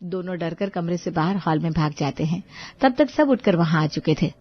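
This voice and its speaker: A woman narrating an animated storybook in a steady, storytelling manner. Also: on the low side, normal speed. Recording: dull lo-fi audio with music.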